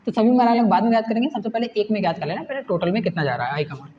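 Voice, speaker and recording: A man's voice: sits high, lively intonation, very fast. A male teacher explaining a problem step by step, putting questions to the class and answering them himself. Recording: echoey room, dull lo-fi sound, faint hiss.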